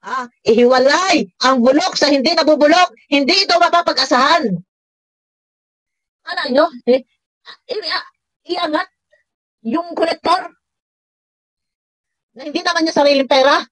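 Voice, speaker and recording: High-voiced scolding woman vlogger. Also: unhurried, pauses often, fairly bright tone, no room sound. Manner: scolding, sarcastic, laughs often. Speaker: reaction vlogger. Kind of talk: reaction commentary.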